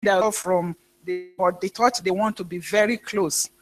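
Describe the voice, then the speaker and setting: A woman pastor preaching a sermon, telling a story in a halting way with frequent restarts. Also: medium pitch, steady tone, soft background music.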